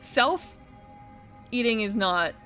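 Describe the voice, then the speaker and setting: A woman's voice: a little high, expressive, drawn-out words, sharp tone, faint music behind. A woman giving chatty, playful live commentary as she plays a video game. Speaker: game streamer. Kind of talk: casual live playthrough commentary.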